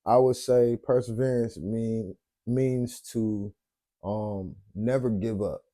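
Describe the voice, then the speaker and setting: A tired man with a very dark, mellow voice talks in a laid-back, rambling way, trailing off with ums while he hunts for words. He chats casually, like a late-night host winding down. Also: on the low side, fairly even intonation, takes it slowly. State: tired, yawning. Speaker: podcast host.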